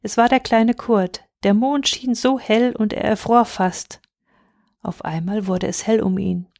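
A woman reads a fairy tale aloud with calm, measured storytelling. Her mid-pitched voice has a light gravelly texture. The sound is dry and close. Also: no room sound.

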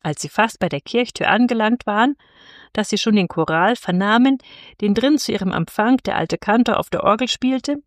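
A woman narrating a fairy tale in a gentle, measured storytelling voice. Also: medium pitch, no room sound, studio quality.

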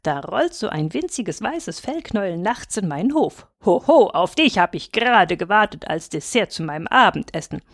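A woman voicing a gruff old male chained wolfhound who growls and mocks in a storybook reading. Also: big pitch swings, normal speed, few pauses, dry recording, clean studio sound. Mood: grim. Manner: growling, grim, booming.

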